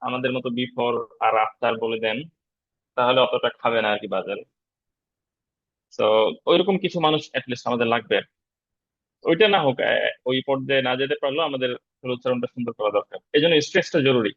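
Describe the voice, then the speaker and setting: A man's voice: mid-range voice, no echo. Man teaching pronunciation over a dull, dry line. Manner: relaxed, explanatory, frequent fillers. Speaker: English teacher. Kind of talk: online lecture on pronunciation. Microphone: video call.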